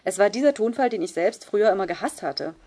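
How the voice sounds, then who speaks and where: A woman reads a first-person novel aloud with a voice at middle pitch. Her delivery is measured and subdued. It suits a plain audiobook narration. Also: expressive, dark tone. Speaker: audiobook reader.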